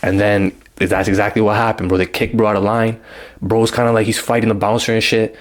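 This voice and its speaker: A man's voice: on the low side, little pitch movement, fairly quick. A young man telling a casual storytime, rambling in heavy slang and acting out what people said. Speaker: vlogger.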